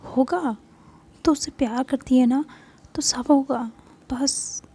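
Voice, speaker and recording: A woman's voice: sits high, steady tone, takes it slowly, warm tone, husky, exaggerated voice. A woman voicing a young female friend who scolds and coaxes her friend in a spoken Hindi story. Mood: scolding.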